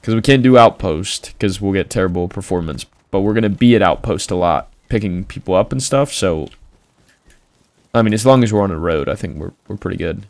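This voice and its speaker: A man's voice: sits low, brisk, darkish tone, no room sound. A young man hosting a gaming video, mixing casual chat with narration. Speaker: video creator, host.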